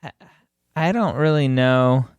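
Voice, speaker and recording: A man in his thirties co-hosting a podcast, joking and halting, often repeating words as he talks. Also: mid-range voice, clear, resonant tone, no room sound. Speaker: podcast co-host. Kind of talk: casual podcast chat.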